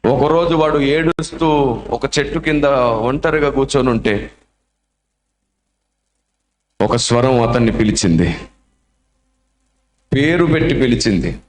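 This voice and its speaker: A man's voice: medium pitch, a little slow, long pauses. A male preacher telling a testimony story in a dramatic, emotional sermon style. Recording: echoey room.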